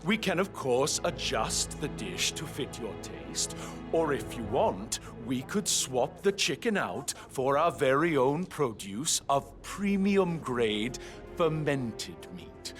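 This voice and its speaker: A man's voice: mid-range voice, very animated. An actor playing a boastful male chef who savors every word. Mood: proud. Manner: slow, heavily accented, savoring every word. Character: boastful male chef, slow and self-assured. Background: game music.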